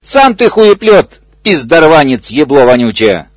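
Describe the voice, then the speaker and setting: A man's voice: on the high side, very animated, a little slow, no echo, clean studio sound, pitched above the performer's own voice. A man voicing a crude, pushy male hippo who curses and squeals insults in a raised voice.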